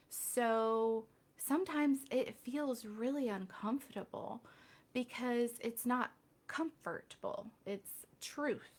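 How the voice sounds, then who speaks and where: Woman chatting on a live stream, kinda high voice, candid and jokey about herself. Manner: chatty, candid, self-deprecating asides. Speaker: reiki healer hosting a live Q&A. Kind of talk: casual live-stream talk.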